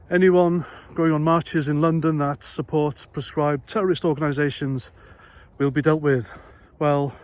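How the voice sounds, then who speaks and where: A Welsh man with a Welsh accent, his voice on the high side, delivers a blunt, conversational opinion monologue as an ex-army vlogger, packing it with rhetorical questions.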